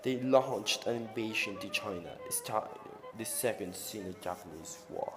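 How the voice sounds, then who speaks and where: A man's voice: on the low side, moderate pace. Man narrating an old newsreel, echoey. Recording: roomy long reverb over clear music.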